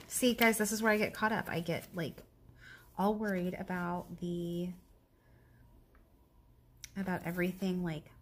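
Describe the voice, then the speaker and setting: A woman in her thirties chatting casually to viewers while she crafts, rambling and self-deprecating, now and then dropping to a soft whisper as she works. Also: lowish voice, a little hiss or hum. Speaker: crafting vlogger.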